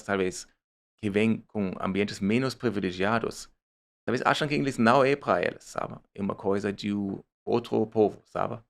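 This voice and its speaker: A German man with a German accent and a lowish, creaky voice, a startup founder fielding casual interview questions. He answers hesitantly, often repeating words and slipping in English.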